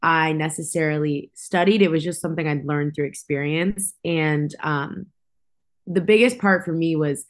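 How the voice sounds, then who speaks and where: A woman's voice: low-pitched, fairly even intonation, moderate pace. A young adult woman chatting casually as an interview guest, informally peppering her talk with filler words. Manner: informal, frequent "like" and "you know". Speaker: podcast guest, model and public speaker.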